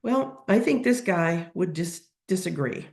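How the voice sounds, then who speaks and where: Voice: mid-range voice, lively intonation, measured pace, vocal fry, reverberant. A veterinary technician giving an educational webinar lecture while suffering from a cold, explaining step by step with frequent ums and restarts. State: has a cold.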